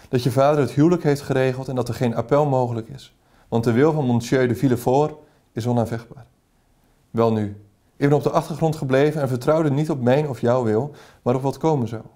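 A man reading from a novel voices a devoted young man pleading his love. His natural voice is dark and mellow at an ordinary middle pitch, and his delivery is earnest and passionate.

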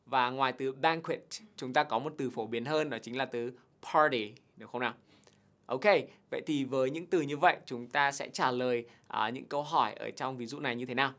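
A male teacher talks through test answers in a patient, clear way. He pauses to repeat English words slowly and with heavy stress so learners can copy them, in a voice of middle pitch. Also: a bit bright. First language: Vietnamese. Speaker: TOEIC teacher. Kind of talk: televised English lesson, explaining answers and modeling pronunciation.

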